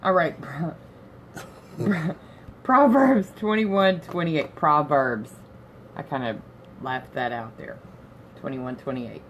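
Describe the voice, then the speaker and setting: A woman's voice: low-pitched, slow, long pauses, a little hiss or hum. A woman co-hosting who reads scripture verses and teases her partner, speaking from farther off the mic. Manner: teasing and sassy. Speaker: co-host reading scripture. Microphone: off-mic, farther than the host.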